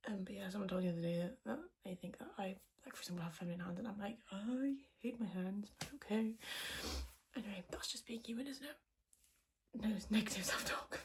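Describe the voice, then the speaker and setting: A woman podcast host whispering in a hushed, quiet voice so as not to wake anyone, chatting casually in a rambling, self-deprecating way. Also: mid-range voice, fast talker, slight background noise. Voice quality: whispered, breathy voice. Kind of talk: casual chat to podcast viewers.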